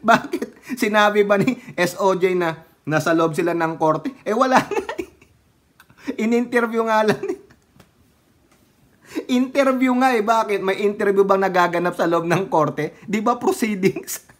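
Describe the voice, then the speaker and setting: A man's voice: sits high, measured pace. A man from the Philippines giving casual political commentary, mocking his targets, laughing often and using polite fillers.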